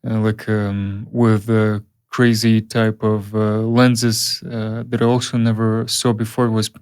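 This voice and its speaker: A man's voice: lowish voice, level tone, clean tone. A man, a film director telling stories in a casual interview, full of fillers and restarts. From Uyghur region, Central Asia. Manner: halting, many fillers and restarts.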